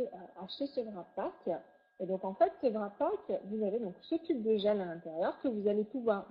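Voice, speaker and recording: A woman giving an enthusiastic sales presentation over slides, full of superlatives. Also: mid-range voice. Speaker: product presenter. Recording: tinny phone-like audio.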